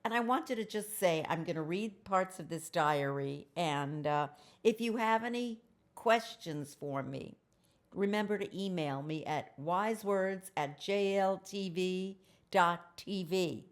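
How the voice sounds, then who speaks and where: A woman's voice: lowish voice, takes it slowly. A woman, chatting casually and reading a diary aloud in a rambling, candid way with self-mocking asides. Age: 70s. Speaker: host of an advice show.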